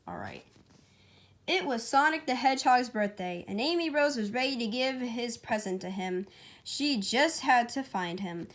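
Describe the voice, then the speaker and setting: An amateur author reads her own story aloud informally, like a casual storybook reading, sometimes stumbling over the text. Her voice is medium in pitch and a bit bright.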